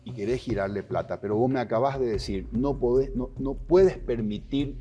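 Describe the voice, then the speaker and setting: A man hosting an interview, asking measured questions and giving brief affirmations. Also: mid-range voice, mellow, muffled recording, a little hiss or hum. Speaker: host.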